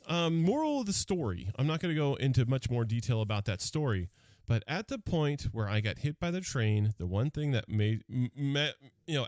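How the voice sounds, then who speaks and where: A man telling a personal story on radio in a rambling, animated way, with many restarts. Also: mid-range voice, no room sound.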